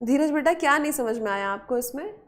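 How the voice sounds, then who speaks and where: High-voiced woman teaching spelling. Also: animated, fairly quick. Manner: coaxing, repeats questions and answers to students; mixes Hindi with English words. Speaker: English teacher. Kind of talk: online vocabulary and spelling class.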